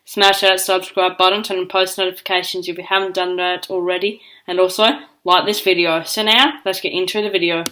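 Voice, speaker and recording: A man's voice: high voice, little pitch movement, fairly quick, few pauses, bright, forceful tone. A young-sounding male hosting a video channel, talking casually to viewers.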